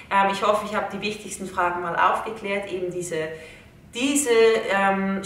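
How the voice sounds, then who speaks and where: Bright-voiced young woman in an echoey room. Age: young adult. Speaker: video host. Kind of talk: casual explanatory talk to viewers. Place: living room indoors, seated in an armchair. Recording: distant, echoey room with rumbly noise.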